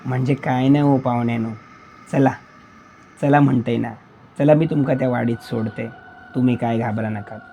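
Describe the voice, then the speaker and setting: In this spoken horror tale, a gentle old forest guardian spirit, put on by a male narrator, talks in a calm, cryptic, reassuring way. He has a Malvani accent and a mellow, dark tone. His pitch sits in an ordinary middle range. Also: moderate pace, creaky, pauses often, a little hiss or hum, natural voice. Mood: coaxing.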